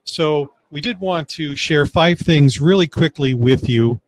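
A man organizing a web developer meetup, presenting news over a video call in a relaxed, rambling way with fillers and restarts. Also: on the high side, a little slow, rough recording. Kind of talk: casual online meetup presentation.

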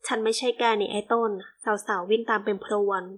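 A woman's voice: medium pitch, fairly even intonation, a little fast, lightly acted. A woman reading the part of a teasing, easygoing young playboy in an audiobook.

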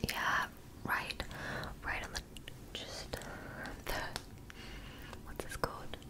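Whispering young woman, tingly ASMR mouth sounds, whispered role-play. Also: slow. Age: 20s. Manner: softly coaxing, talking directly to the listener. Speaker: ASMR creator. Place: small indoor room.

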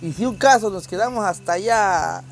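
Holding his phone in a rural yard among the trees, a charity vlog host with a Guatemalan accent casually explains things to the camera and a group. He speaks at a normal speed in a high-pitched voice with vocal fry, and there's a little hiss or hum in the sound.

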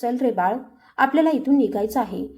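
A woman reading the part of a humble, exhausted aunt who works as a servant and speaks meekly and quietly, within a storybook narration. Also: fairly high pitch, lively intonation, fairly quick, lo-fi sound. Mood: weary. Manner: meek, quiet pleading.

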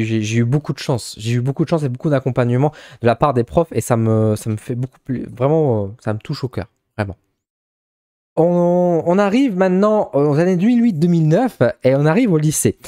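A man's voice: mid-range voice, warm tone, no room sound, studio quality. A shy young man with a Ch'ti accent, from northern France, chatting casually in a vlog with many hesitant restarts. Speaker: vlogger.

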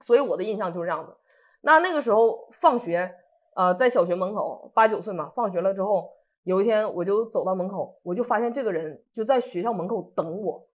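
This co-host, a woman from Northeast China, shares a personal story in a relaxed conversation, lively as she voices what each person said. She speaks a little fast, in a mid-range voice.

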